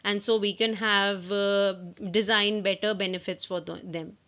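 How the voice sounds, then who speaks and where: Woman in dull lo-fi audio, halting presentation. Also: mid-range voice, fairly even intonation, fairly bright tone. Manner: halting, with repeated false starts. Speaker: presenter walking through own work assignment. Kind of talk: informal slide walkthrough.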